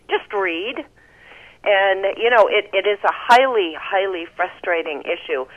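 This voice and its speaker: Radio call-in caller, heard over the phone, animated pitch, halting and filler-heavy. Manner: rambling, halting, with many fillers and restarts. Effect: heard over a phone line.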